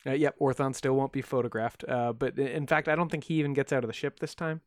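A man co-hosting a podcast talks quickly in a steady, medium-pitched voice, recounting a strange story wryly and jokingly with plenty of fillers. There's no room sound.

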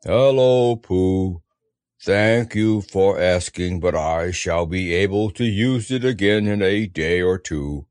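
A man voicing a gloomy, self-pitying storybook donkey who grumbles in a slow, mournful drawl. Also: low-pitched, darkish tone, no room sound, clean studio sound, pitched below the performer's own voice. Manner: slow, mournful, drawn-out delivery.

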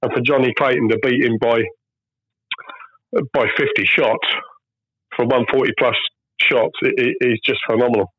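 A man's voice: medium pitch, steady tone, normal speed, long pauses, slightly rough, dry recording. Man on a dull, dry lo-fi line. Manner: earnest, emphatic, repeats key phrases. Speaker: guest, former professional darts player. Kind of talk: casual phone-in chat.

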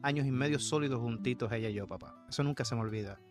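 A man in his fifties with a Puerto Rican accent, co-hosting a podcast and telling stories in a loose, animated way, laughing often and slipping English words into his Spanish. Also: medium pitch, rapid-fire, over music. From Puerto Rico. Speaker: podcast co-host. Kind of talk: casual storytelling chat.

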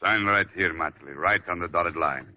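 An actor playing a ruthless gangster loan shark, with tough, sneering talk in a 1930s radio drama style. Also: male voice, low-pitched, moderate pace, over loud music, lightly acted. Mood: menacing. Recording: dull lo-fi old radio recording with faint noise.

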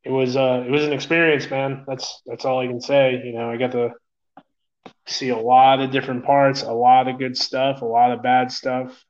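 A man from New York who works as an EMS medic talks through his experiences in a relaxed, rambling way. He swears casually, restarts sentences and keeps tagging "man" onto his thoughts. The recording sounds dull and lo-fi. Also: medium pitch, normal speed. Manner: rambling, profane, many fillers and "man". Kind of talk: casual interview talk.

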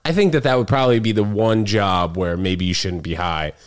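A man's voice: fairly low pitch, brisk. A young man hosting a casual podcast interview in chummy frat bro talk, dropping "bro", "dude" and "man". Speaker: podcast host.

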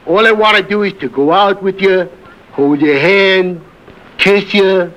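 An actor playing a dim, childlike New tavern sidekick in an old radio comedy, a man with a guileless, slow-witted manner. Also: sits high, a bit bright, low-quality recording. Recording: vintage radio recording, faint noise.

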